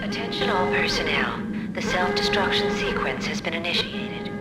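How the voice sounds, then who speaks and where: An actor voicing a male facility announcer, heard as a formal, repetitive alert over a factory loudspeaker. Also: sits high, huge pitch swings, moderate pace. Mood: urgent. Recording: echoey PA over loud game music.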